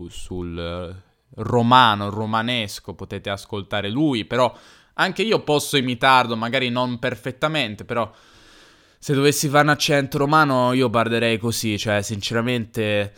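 A man from Turin with a Piedmontese accent, hosting an improvised podcast for language learners, explaining slowly and correcting himself. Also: fairly low pitch, pushed and bright, smooth. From Turin, Italy. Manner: unscripted, explains slowly, self-correcting and self-deprecating. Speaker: podcast host.

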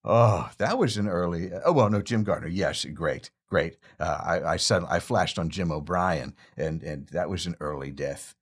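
A man's voice: low-pitched, normal speed, hardly any pauses, slightly rough. A man hosting a podcast, asking easygoing, rambling questions and laughing along with his guest. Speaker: podcast host. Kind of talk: casual interview.

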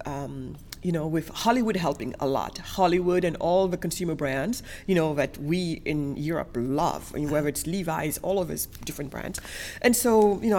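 Her voice is lowish with a darkish tone. Born in Senegal and later living in Europe, in Germany and France, she appears as an interview guest, emphatically sharing personal stories and repeating words for emphasis.

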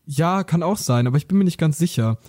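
A young man co-hosting a comedy podcast, telling a story in casual chat and acting out the dialogue, with a husky voice. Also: fairly high pitch, expressive, quick pace, dark tone. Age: young adult. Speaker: podcast co-host.

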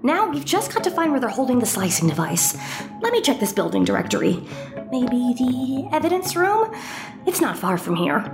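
A woman playing a brash, quick-thinking schemer who bosses her partner around in an audio drama. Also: high-pitched, over music. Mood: scheming. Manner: brash, bossy, with bursts of nervous excitement.

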